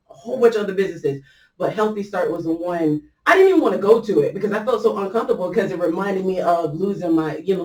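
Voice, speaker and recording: A woman's voice: lowish voice, a little mellow, far from the mic. A woman casually telling a personal faith story, chatty and loose, with lots of fillers and easy laughter. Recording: echoey room, voice set back from the mic.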